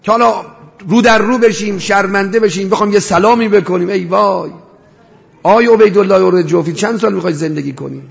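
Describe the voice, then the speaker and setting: A man preaching a mourning sermon, rhetorical, swinging between loud cries and hushed storytelling. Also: high-pitched, creaky. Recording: dull reverberant hall sound.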